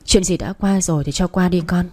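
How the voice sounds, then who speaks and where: A loving middle-aged mother, voiced by a woman narrator, speaks gently and with quiet firmness. Her voice sits low and sounds mellow and warm. The delivery stays soft and soothing. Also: brisk, close to an everyday voice. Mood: tender.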